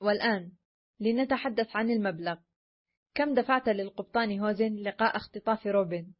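A cunning male adventurer talks his prey into a trap, sly and insistent, voiced by a woman reading the story aloud. The pitch sits in the middle. The recording sounds dull and lo-fi. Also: fairly quick, lightly acted. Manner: sly, pressing.

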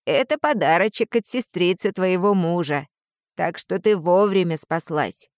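A woman's voice: on the low side, a little slow, dry recording, studio quality, lightly acted. A woman reading an audiobook and voicing a small, haughty male lizard guardian spirit who hisses and talks down to people. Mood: urgent. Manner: hissing, condescending.

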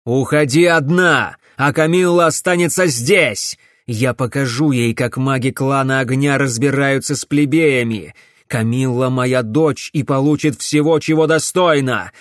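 A man's voice: mid-range voice, fairly even intonation, measured pace, no room sound, studio quality, lightly acted. A man voicing a ruthless fire-mage baron who speaks in harsh, commanding declarations. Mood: domineering. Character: ruthless fire-mage baron, a middle-aged father, hard and domineering.

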